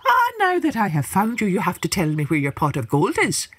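A woman's voice: mid-range voice, huge pitch swings, brisk, a bit bright, slightly rough, dry recording, heavily acted. A woman voicing an eager young farmer man, insistent, with music behind.

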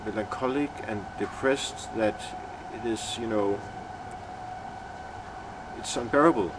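A man in his thirties with a Danish accent gives reflective interview answers, halting as he searches for words. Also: fairly low pitch, background noise. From Denmark. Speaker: filmmaker being interviewed. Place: outdoor courtyard among glass buildings. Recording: distant mic outdoors, urban bustle behind.

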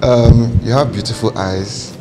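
A man on a dating game, talking in a smooth, flirtatious way and often dropping to a soft hush. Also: mid-range voice, steady tone, unhurried, a crowd in the background. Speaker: contestant. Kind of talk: casual chat.

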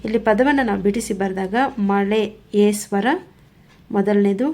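A woman's voice: medium pitch, steady tone, a little mellow. A woman teaching a grammar lesson, going through examples one by one in a methodical, repetitive way. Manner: slow, methodical, repetitive explaining.

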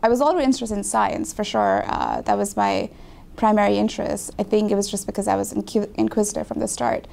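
A woman's voice: medium pitch, animated, brisk, vocal fry, a little mellow, a little hiss or hum. A young woman from Pakistan, a graduate student, talking candidly in an interview and often correcting herself mid-word. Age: young adult. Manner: thoughtful, self-correcting, candid. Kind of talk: casual interview. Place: small office with windows.

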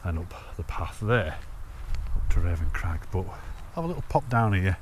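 Walking along open fells and woodland paths, this thirtysomething hiking vlogger gives casual commentary into a handheld camera at arm's length. His lowish voice is very animated and moderately paced, chatty and enthusiastic, with the odd laugh to himself. There's faint outdoor ambience and slight background noise.

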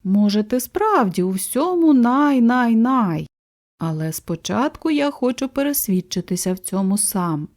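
A woman voicing a calm, dignified old male bear who advises kindly and without hurry in a children's storybook. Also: on the high side. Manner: slow, unhurried and kindly advising.

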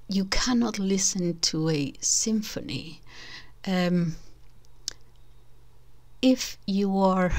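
Speaking at a medium pitch, this older channel host with a Spanish accent talks discursively and casually to her viewers. She frequently restarts, corrects herself and drops into whispered asides.

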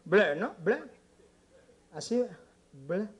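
Performing live in a nightclub, a Cuban-accented comedian brashly teases the audience and lapses into broken English. His high male voice is very animated and slightly rough, yet his delivery is extremely slow.

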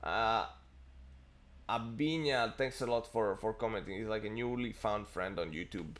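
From a home study lined with bookshelves, an Italian man in his thirties hosts a tech livestream over an earphone headset mic on his webcam. His fairly low voice has a fairly bright tone and moves at a normal speed as he rambles casually with plenty of fillers.

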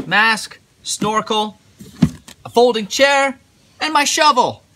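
A man's voice: on the high side, background noise. A man in his thirties walking through his camping gear outdoors, with dry joking asides. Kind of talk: casual gear walkthrough. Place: outdoors in a driveway and at a campsite.

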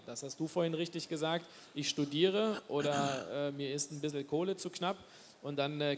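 A man's voice: a little high, slight background noise. Emphatic Spanish-born man on a panel. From Spain. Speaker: panel guest. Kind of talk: panel discussion. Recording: long reverb hall with faint ambience.

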